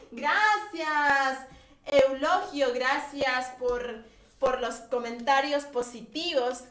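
A woman teaching English in a high, bright voice, coaxing her viewers to answer. She speaks at an unhurried pace, and the room echoes heavily around her as if she stands away from the mic. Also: distant mic. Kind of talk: live English grammar lesson. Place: room with a whiteboard.

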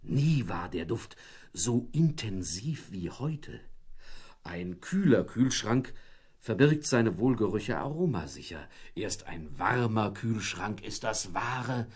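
A man narrating a children's storybook in a playful, lively way. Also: on the low side, slow, slightly rough.

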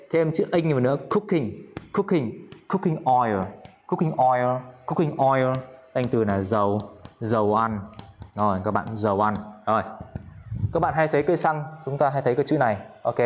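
A man teaching English vocabulary in a casual lesson, repeating each word several times and chatting with viewers between words. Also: medium pitch.

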